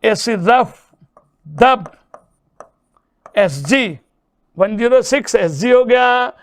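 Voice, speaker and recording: Man, chemistry teacher, slow and deliberate, clear smooth voice, dry close sound. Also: very high voice, expressive, dry recording. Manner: addresses students as "beta", checks each step aloud. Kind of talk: exam-prep lesson solving problems.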